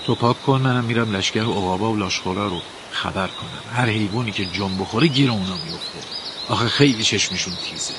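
A man's voice: on the low side, lightly acted. A man voicing a cunning, jittery fox vizier who mutters and whispers his plans. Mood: worried. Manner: hushed, hissing asides. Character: sly, nervous fox vizier scheming in whispers.

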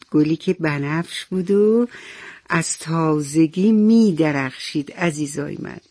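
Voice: mid-range voice, dark tone, no room sound. A storyteller narrating a children's story, speaking directly to the young listeners and asking them questions.

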